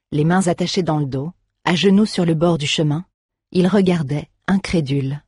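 A narrator reads a fantasy novel in a measured, steady way. The voice is husky and breathy, with a middling pitch. It is recorded close and dry. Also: dry recording. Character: calm ironic male druid. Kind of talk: audiobook narration.

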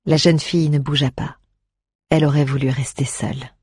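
Husky voice, measured story narration. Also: medium pitch, fairly even intonation, a little mellow, no echo, clean studio sound. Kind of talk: scripted audiobook narration.

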